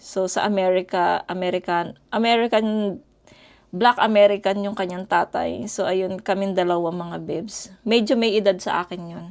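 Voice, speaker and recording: A woman's voice: medium pitch, steady tone, moderate pace, vocal fry, a little mellow. Woman from the Philippines, middle-aged, casual vlog chat, rambling, friendly storytelling to viewers. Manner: chatty, rambling, calls viewers "bebs". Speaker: vlogger. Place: home in Korea.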